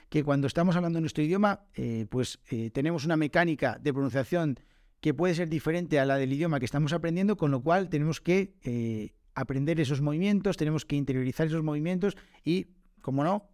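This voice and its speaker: A man's voice: fairly high pitch, darkish tone, no room sound, clean studio sound. A man, hosting a casual podcast and answering listener questions in an informal, chatty way with fillers and self-corrections. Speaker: podcast host and Spanish teacher.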